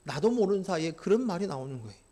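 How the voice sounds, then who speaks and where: A male pastor preaching a sermon, impassioned and swinging from quiet to loud, often putting questions to the congregation. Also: high voice, very animated, racing.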